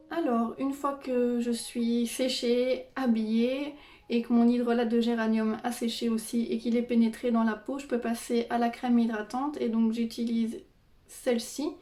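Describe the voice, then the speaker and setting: A woman beauty vlogger talks through her skincare routine in a relaxed, chatty way, stringing thoughts together with fillers. Her voice sits a little high but stays mellow and even. The room around her is echoey, with soft music in the background. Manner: chatty, many fillers and "donc". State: pregnant. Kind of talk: casual product review.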